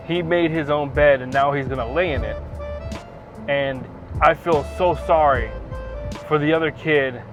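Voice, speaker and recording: A man from New Jersey with an American accent, talking in a halting, emphatic, incredulous way in a casual gaming vlog. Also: fairly high pitch. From New Jersey, USA. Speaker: gaming content creator. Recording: music behind the voice.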